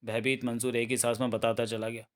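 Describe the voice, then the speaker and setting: A man's voice: mid-range voice, little pitch movement, fairly quick, smooth. A man narrating a comic book aloud with dramatic storytelling.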